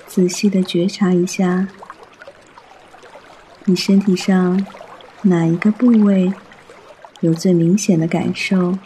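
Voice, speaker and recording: Male meditation guide: soft, soothing, mellow delivery at a very slow pace, trickling water behind. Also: sits high, level tone, slight background noise.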